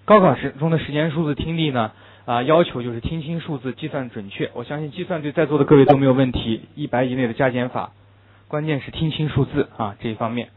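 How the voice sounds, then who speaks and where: A man's voice: medium pitch, fast. A man teaching an English listening class in a lecture style, stressing and repeating key points. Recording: tinny phone-like lo-fi recording.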